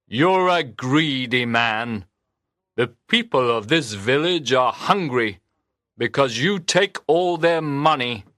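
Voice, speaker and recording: Defiant village father, as a male narrator plays him, brave and earnest, slow, dry sound. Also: mid-range voice, expressive, a bit bright, no room sound. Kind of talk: storybook reading.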